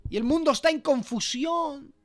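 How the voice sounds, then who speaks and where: A man's voice: very high voice, normal speed, faint music behind. A man preaching a sermon, earnest and emphatic, asking his listeners rhetorical questions. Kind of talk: sermon preached over a walkie-talkie app service.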